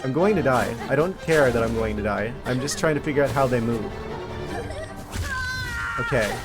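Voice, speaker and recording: A man streams a game with casual commentary. He has a medium-pitched voice and a wry way of thinking out loud. Game music plays clearly behind him. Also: animated, moderate pace.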